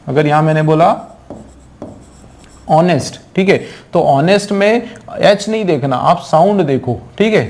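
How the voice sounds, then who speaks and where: In an exam-prep lecture, an Indian man with a slightly high, warm voice walks students through English grammar. He's patient in his explanations, frequently questions the class, and reads the English examples slowly.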